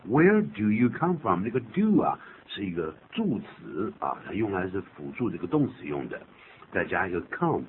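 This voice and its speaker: A man with a lowish voice hosts a radio English lesson. His explanations rise and fall in a very animated way as he coaches a partner through phrases. The sound is thin and phone-like, with a faint hiss behind it. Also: normal speed. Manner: lively explaining, prompting partner to repeat phrases. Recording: narrow lo-fi radio broadcast sound.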